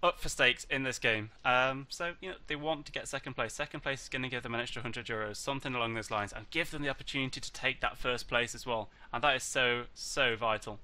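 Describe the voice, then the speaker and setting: A man's voice: mid-range voice, fast talker, hardly any pauses, pushed and bright. A tired man hosting a live esports stream over a headset mic. He talks in a chatty, rambling way and makes joking asides to the chat. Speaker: esports caster and host. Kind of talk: casual live-stream commentary. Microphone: headset mic with voice activation.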